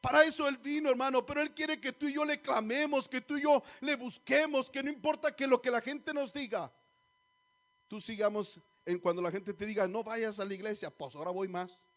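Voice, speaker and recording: This is a man's very high-pitched, somewhat bright voice at normal speed, preaching to a church congregation. He urges them on, often says "hermanos," and leans on rhetorical questions.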